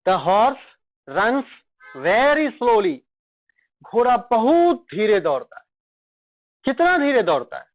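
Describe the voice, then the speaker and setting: High-voiced male teacher, tinny dry sound. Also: dry recording. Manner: repetitive, quizzing, slow dictation of examples. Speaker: English grammar teacher. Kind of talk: classroom lecture in Hindi with English examples.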